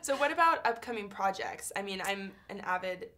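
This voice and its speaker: Bright-voiced, gushing woman interviewer. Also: mid-range voice, animated, moderate pace. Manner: enthusiastic, gushing, laughs along. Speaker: entertainment interviewer. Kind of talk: casual promotional interview.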